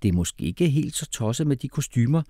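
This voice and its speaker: A man voicing a calm, sensible girl who speaks reassuringly. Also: mid-range voice, dry recording, studio quality, voice pushed up. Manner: soothing, level-headed.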